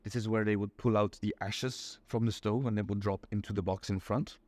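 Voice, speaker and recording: Young Belgian man, guest; lowish voice, dry close sound, patient and methodical, filler-heavy explanations. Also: steady tone, fairly quick, a little mellow, dry recording. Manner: patient, explains step by step with many ums. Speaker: interview guest. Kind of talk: casual explanatory chat. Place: small indoor room.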